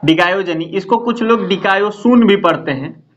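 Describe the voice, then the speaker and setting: A man's voice: sits high, moderate pace, fairly bright tone, dull audio. A man teaching an exam-prep lecture. He explains step by step, repeats key terms and keeps checking in with "है ना?".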